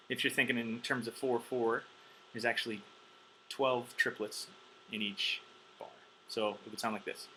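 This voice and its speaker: Man, drum teacher, bright tone, chatty, counts beats aloud, faint room hum. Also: mid-range voice, rough recording. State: wired on caffeine. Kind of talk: casual instructional talk.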